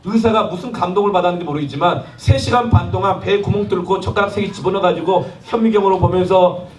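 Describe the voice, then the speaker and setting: A man's voice: sits high, quick pace. A man, a pastor, preaching a sermon and telling a personal story with quoted dialogue. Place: temporary worship hall in a school. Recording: echoey hall, mic at a distance, faint ambience.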